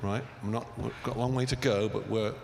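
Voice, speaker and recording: A man's voice: fairly low pitch, fairly even intonation, fairly quick, gravelly, a little mellow. A man in the audience thoughtfully asking a question after a church lecture, searching for words. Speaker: audience member. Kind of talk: question from the floor. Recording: echoey church, faint noise.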